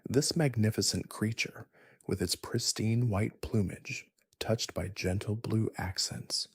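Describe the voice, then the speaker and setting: A man narrating a soothing sleep story in a hushed, half-whispered, unhurried way. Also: lowish voice, creaky, husky, no room sound, clean studio sound.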